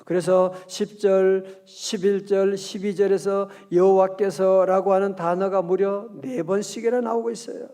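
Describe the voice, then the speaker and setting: Preaching at an early-morning prayer service, a high-pitched male pastor talks to the congregation in a lively, conversational way and asks them frequent questions. He reads scripture aloud at a slow pace.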